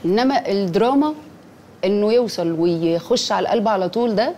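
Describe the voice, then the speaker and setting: A woman's voice: medium pitch, fast, warm tone, a little hiss or hum. A woman with an Egyptian accent, a singer chatting as a guest in an interview. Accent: Egyptian Arabic. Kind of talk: casual interview chat.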